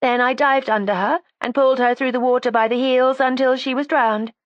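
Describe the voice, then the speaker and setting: A sharp, resentful young woman whose audiobook voice rises high against the plain narration, sarcastic and combative. A woman reader puts her on in a dry, close recording. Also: fairly even intonation, fairly quick, no room sound, lo-fi sound, natural voice. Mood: defiant. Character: defiant resentful young woman making a false confession. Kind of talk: audiobook character voice.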